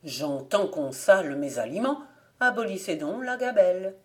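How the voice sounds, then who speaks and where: A woman's voice: fairly low pitch, lively intonation, moderate pace, lightly acted. A woman doing a stubborn, indignant nobleman. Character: stubborn complaining nobleman husband.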